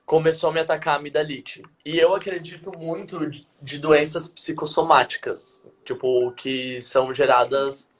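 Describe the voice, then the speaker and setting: On a casual video-call live stream, a young dance teacher tells a personal story with few pauses, his voice slightly high and his pace moderate. He's animated throughout, bringing the quoted dialogue to life.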